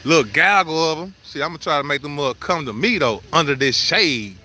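A man vlogging live at an outdoor zoo, joking loudly in slangy banter. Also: fairly high pitch, expressive, brisk, a little hiss or hum. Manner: loud, joking, slangy banter with frequent laughs. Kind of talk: casual live vlog.

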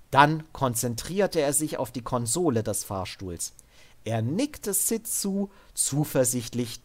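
A man narrating a translated adventure story, stopping now and then to add loose comments of his own. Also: medium pitch. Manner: breaks off to add casual comments. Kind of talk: reading a translated story aloud.

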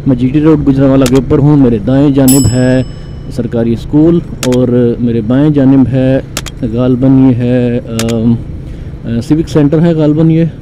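Riding his motorcycle along a city road, a man from Pakistan vlogs the journey in a mid-range voice, relaxed and slow, with frequent pauses and fillers. The audio is dull and lo-fi, carrying traffic and road noise.

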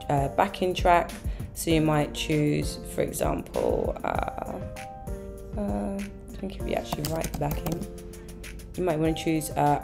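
Woman, hoarse, lowish voice, relaxed tutorial walkthrough, faint music behind. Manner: relaxed step-by-step explaining with fillers. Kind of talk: software tutorial.

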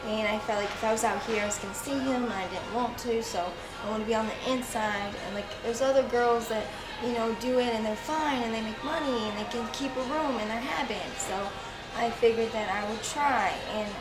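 Her voice sits on the high side and moves a little fast. She is a twenty-something street interview guest in a fast-food restaurant's seating area, candidly recounting her own story in a rambling, emotional way with plenty of swearing. The recording carries echo from the indoor room, with music audible.

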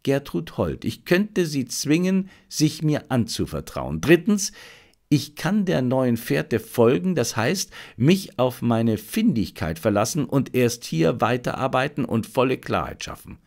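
A man's voice: mid-range voice, sing-song, measured pace, vocal fry, a little mellow. A man voicing an urgent, lecturing detective. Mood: intense. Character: brilliant, intense male detective, fired up.

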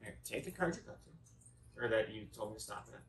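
Animated and fairly quick, with a voice on the low side, a middle-aged magician co-host presents a card trick, wandering into tongue-in-cheek asides. He is recorded indoors in a small dark room by a phone camera set back from the table, so his voice sounds distant.

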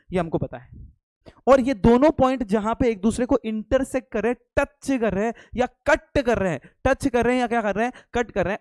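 High-voiced with a darkish tone, a young man runs a live online commerce class full of jokes, recorded with no room sound. He teases and quizzes his students, often answering his own questions and dropping in English phrases.

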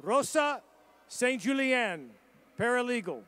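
Serving as the commencement name reader, a man whose voice is strikingly high announces each graduate in turn. He keeps a formal, measured rhythm, pronouncing every name and program with care.

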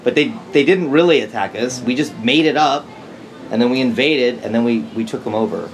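Man, opinionated storyteller, casual chat, swears freely, middle pitch, faint background noise. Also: brisk, poor audio.

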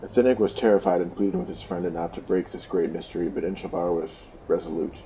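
A deep, gravelly man reads a book aloud during a game playthrough, breaking off now and then for loose, filler-laden explanations. His tone is dark and mellow. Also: fairly even intonation, quick pace, highs cut off, slight background noise. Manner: plain reading broken by loose explanations with fillers. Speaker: let's play host. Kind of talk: reading an in-game book aloud with casual asides.

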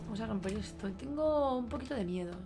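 A young woman with a Spain Spanish accent giving live gameplay commentary, excitable and exclamatory, swearing often. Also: a little high, fast, creaky. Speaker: game streamer. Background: faint game music.

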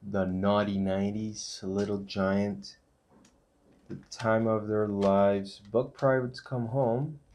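A man in his thirties hosting a casual unboxing vlog, reading titles off with small relaxed asides. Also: on the low side, slow. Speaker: channel host unboxing a disc set.

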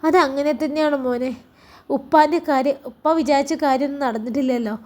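A woman voicing a sorrowful elderly mother who pleads softly, in a Malappuram Malayalam accent. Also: high voice, fairly even intonation, a little fast, natural voice. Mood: pleading.

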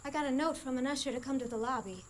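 Woman doing fretful housewife, high voice, whiny, noisy background. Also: rapid-fire, close to an everyday voice. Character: fretful housewife who bakes, impatient.

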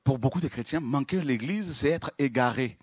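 A man preaching a sermon, moving from low, confiding talk to shouted praise. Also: moderate pace, breathy edge, no room sound.

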